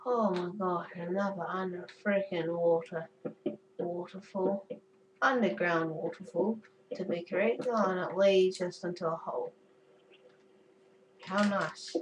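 A woman's voice: lowish voice, steady tone, unhurried, long pauses, far from the mic, slight background noise, low-quality recording. Goofy young-sounding woman gamer. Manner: chatty, goofy, swears, giggles at own jokes. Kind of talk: casual gameplay commentary.

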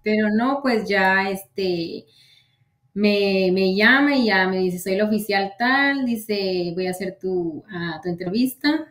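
A woman's voice: medium pitch, slow pace, fairly bright tone. A woman casually retelling events, with lots of quoted dialogue. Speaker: interviewee sharing her citizenship interview. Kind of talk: casual storytelling in an interview. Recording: echoey room.

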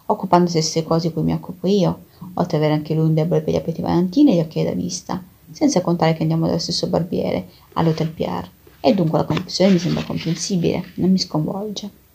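A woman giving a measured, low-key reading of a novel in the first person. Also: steady tone, vocal fry, warm tone, slight background noise. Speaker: reader of a novel.

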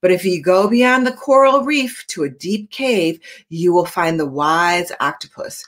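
A calm, helpful starfish gives advice in an even, ordinary voice, read aloud by a woman. It sounds like a gentle picture-book character. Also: lowish voice, a little slow.

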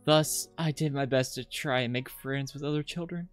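Over game music, a streamer playing through a visual novel reads the text aloud, adding offhand comments and tripping over a word now and then. Their mid-range voice keeps fairly even intonation at a normal speed.

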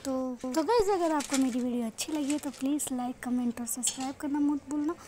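Speaking fairly quickly, with a high-sitting voice and dark tone, a woman with an Indian accent runs a chatty, repetitive cooking demonstration for her vlog viewers as a home cook. The noisy phone recording comes from her indoor kitchen, right by the frying pan.

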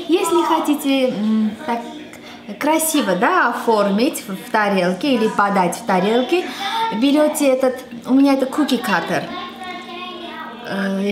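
Hosting a cooking show in her own kitchen, a thirtysomething woman with an Armenian accent talks casually, thinking out loud with fillers and false starts. Her voice is slightly high, and the kitchen echoes with music in the background.

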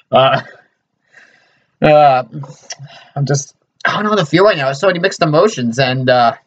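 A young man talks to the camera in a sarcastic, mock-upset comedy monologue and breaks off his own sentences. His voice is bright and forceful. The sound is slightly dull and lo-fi, recorded in a small room at home. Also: medium pitch. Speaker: YouTube comedian.

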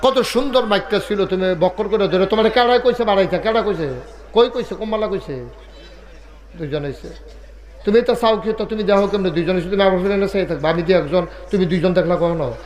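High-voiced preacher, playful scolding. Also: male voice, brisk, a little mellow. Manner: chatty and teasing, scolds the sound man, drawls and chants key lines. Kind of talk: village sermon with crowd call-and-response. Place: large open-air gathering over a loudspeaker. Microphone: handheld mic through PA.

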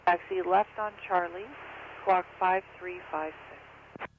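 A man with a high voice acts as ground controller. His procedural instructions arrive in clipped phrases over a thin radio link with faint static. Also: steady tone, takes it slowly, phone-quality sound.

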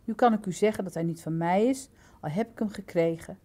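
Woman voicing an earnest young male traveller, mellow and respectful. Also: mid-range voice, brisk, natural voice. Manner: respectful, keeps answering "yes, sir".

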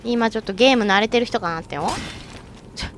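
A woman streaming a game with excitable let's-play commentary, shrieking and chatting with self-mocking asides. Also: on the high side, fast talker, slight background noise.

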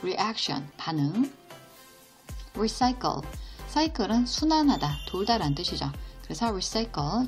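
A woman teaching an English vocabulary lesson, explaining each word slowly and patiently and asking her students questions along the way. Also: lowish voice. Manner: slow, patient explanation with question-and-answer prompts.

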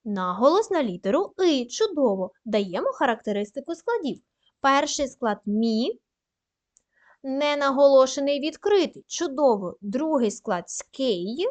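A woman teaching a primary school class, dictating slowly and carefully and praising the pupils often. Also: high voice, sing-song. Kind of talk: recorded lesson for young pupils.

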